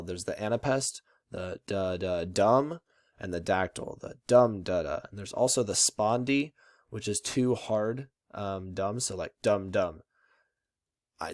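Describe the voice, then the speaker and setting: A man's voice: lowish voice, dry recording, studio quality. A young man explaining a lesson in a chatty way, tapping out stressed syllables aloud to show rhythm. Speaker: student presenting a lesson.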